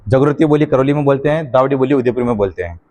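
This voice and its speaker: A man's voice: mid-range voice, very fast, warm tone. A teacher dictating notes in a classroom lecture, often quizzing his students with a question and then answering it himself.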